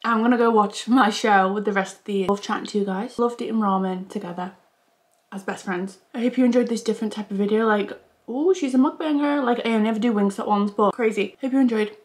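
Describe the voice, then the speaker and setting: A woman's voice: medium pitch, fairly even intonation, fast talker. Young woman, mukbang vlog, gushing chatter, chewing between lines. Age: 20s. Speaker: YouTuber.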